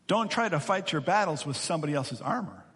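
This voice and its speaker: A man preaching a sermon as pastor, animated and emphatic, often repeating his words. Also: a little high, quick pace, big-room sound.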